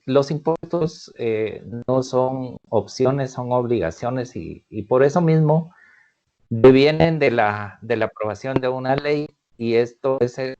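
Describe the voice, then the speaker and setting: A man explains matters formally and deliberately, his voice sitting at an ordinary mid pitch. He comes through a choppy, breaking-up video call connection. The audio sounds muffled and lo-fi. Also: dark tone. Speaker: webinar presenter on tax. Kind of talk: formal online lecture.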